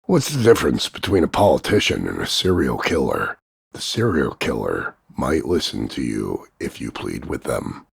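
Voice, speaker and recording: In a voice-over demo of insults and one-liners, a man plays a cocky, crude macho action hero with a very deep, gravelly, husky voice. He delivers smug, mocking punchlines in a slow deadpan drawl, heavily acted. The recording is dry and studio-clean.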